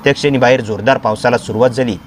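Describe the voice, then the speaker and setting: A man narrating a dramatic first-person story in a steady, scripted storytelling voice. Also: mid-range voice, racing, a little hiss or hum.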